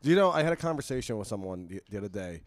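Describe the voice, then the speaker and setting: A man hosting a loose, joking talk show, hungover and raspy. His pitch moves around a lot as he needles his friends and swears in casual banter. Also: sing-song, racing, no echo. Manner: teasing, profane. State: getting over a cold. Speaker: show host.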